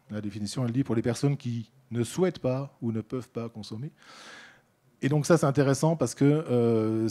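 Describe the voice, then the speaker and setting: A man's voice: medium pitch, mellow. A middle-aged man giving a conference talk as an organisation's director, speaking with frequent fillers and restarts and addressing colleagues in the audience.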